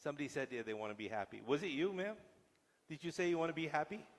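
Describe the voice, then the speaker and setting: A man's voice: fairly high pitch, very animated, quick pace. A male guest lecturer speaking to police officers in a large lecture hall, joking with and teasing the audience. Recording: long hall reverb.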